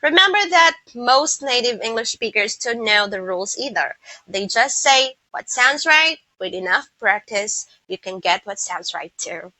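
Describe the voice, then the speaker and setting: A woman English teacher giving an online pronunciation lesson, explaining slowly and carefully with some restarts. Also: medium pitch, lively intonation, bright, forceful tone, no echo, low-quality recording.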